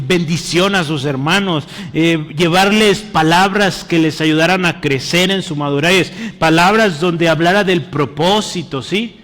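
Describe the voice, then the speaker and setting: A man's voice: sits high, a bit bright. A man preaching an interactive sermon, often checking in with the congregation and calling them brother. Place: church. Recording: reverberant church hall.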